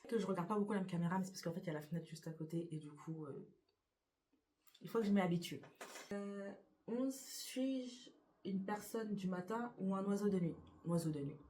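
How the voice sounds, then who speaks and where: There's a little hiss or hum as a young woman with a medium-pitched, dark-toned voice briskly answers get-to-know-me questions for her vlog. This YouTuber sits in her bedroom next to a window, hesitating frequently and restarting sentences with lots of fillers.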